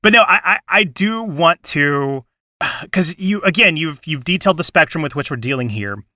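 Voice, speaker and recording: A man's voice: on the high side, lively intonation, moderate pace, pushed and bright, no echo, clean studio sound. A man hosting a casual podcast discussion, talking enthusiastically in rambling bursts with frequent restarts. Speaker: podcast host.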